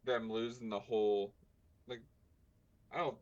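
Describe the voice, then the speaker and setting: A man co-hosting a podcast, chatting casually and haltingly with lots of likes and restarts. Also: on the low side, steady tone, darkish tone. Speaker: podcast co-host. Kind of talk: casual sports chat. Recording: dull lo-fi recording.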